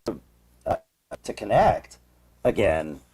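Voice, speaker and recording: A man co-hosting a casual tech podcast through a muffled laptop mic that makes him sound like he is at the bottom of a well. He talks in halting bits and restarts his sentences. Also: lowish voice, very animated, background noise. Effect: muffled laptop mic, like talking from the bottom of a well. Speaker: podcast co-host.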